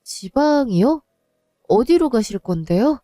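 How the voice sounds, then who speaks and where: A woman's voice: a little high, big pitch swings, measured pace, dark tone, no room sound, studio quality. A woman voicing a distraught young wife and daughter who pleads and cries out in a one-voice audio drama. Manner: pleading, rising to anguished cries.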